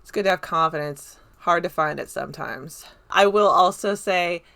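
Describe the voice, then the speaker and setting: This video essayist's voice is lowish and sharp in tone, with vocal fry, at a normal speed. She reviews a film in a loose, unscripted way, rambling along with enthusiasm as if chatting.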